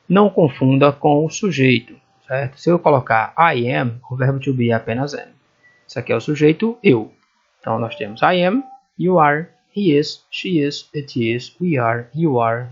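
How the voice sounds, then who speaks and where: A man with a Brazilian Portuguese accent teaching an English lesson, explaining slowly and repeating phrases as he checks that the students follow. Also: on the high side, slightly rough, dull audio. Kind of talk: recorded classroom lesson.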